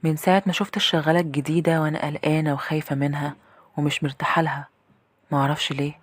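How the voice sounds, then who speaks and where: A woman with an Egyptian accent narrating a horror story in the first person, brisk and hushed at tense moments. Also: low-pitched, little pitch movement, no room sound.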